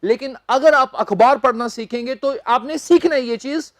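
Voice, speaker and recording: A woman teaching English newspaper vocabulary, speaking deliberately and spelling words out letter by letter. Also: sits high, no room sound, studio quality.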